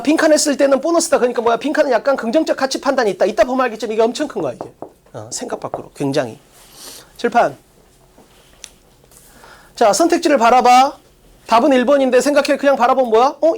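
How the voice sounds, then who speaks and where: A mid-range, somewhat dark voice belongs to an English exam-prep teacher lecturing online. The coaching is casual and plain, driven by rapid rhetorical questions.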